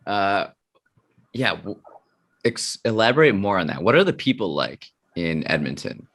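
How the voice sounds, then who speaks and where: A man's voice: lowish voice, sing-song, normal speed, a bit bright. A man hosting an interview podcast, upbeat, often restarting his questions. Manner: upbeat, stumbles over his questions, laughs easily. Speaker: podcast host.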